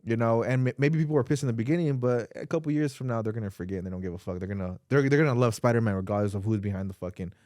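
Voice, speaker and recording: A man's voice: mid-range voice, racing, hardly any pauses, warm tone, no room sound, clean studio sound. A man in a casual, opinionated podcast chat, earnestly arguing his point with slang and swearing. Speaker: podcast host.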